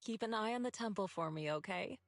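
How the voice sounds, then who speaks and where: A woman's voice: mid-range voice, animated, brisk, no echo, studio quality, close to an everyday voice. A woman voicing a composed, resolute master of disciples in an anime-style video game. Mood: reflective.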